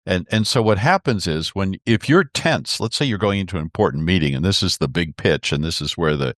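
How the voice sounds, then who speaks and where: A man speaking as a communication expert guest in an interview, explaining expressively and demonstrating pitch with his voice. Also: lively intonation, brisk, a bit bright, dry recording, studio quality.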